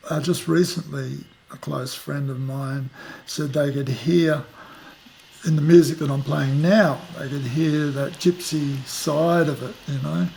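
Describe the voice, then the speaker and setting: A man in his fifties with an Australian accent, talking in an unhurried, reflective way as an interviewee, often trailing into fillers. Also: fairly high pitch, fairly even intonation, vocal fry, a little mellow, a little hiss or hum. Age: 50s. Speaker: musician interviewee. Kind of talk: casual interview. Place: outdoors at the back of a house, rainy day.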